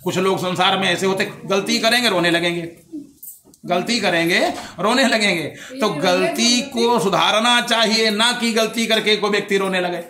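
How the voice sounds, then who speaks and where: A male storyteller tells a devotional tale with animated delivery and chants Sanskrit verses. His voice is high and bright. The room adds a noticeable echo. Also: moderate pace. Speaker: katha storyteller.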